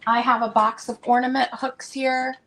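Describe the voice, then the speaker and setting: A woman selling vintage items, chatting casually and meanderingly as she unpacks, with plenty of fillers, and a voice that is going a bit hoarse. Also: on the high side, little pitch movement, moderate pace, fairly bright tone, a little hiss or hum, rough recording. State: losing her voice. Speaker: vintage seller showing stock. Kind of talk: casual unboxing chat.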